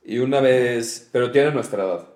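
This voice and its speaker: A young man with a Mexican Spanish accent tells stories in a laid-back, casual podcast chat. His voice is mid-pitched. It rings in an echoey room. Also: moderate pace, darkish tone. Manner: laid-back storytelling, frequent laughter. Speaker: podcast co-host.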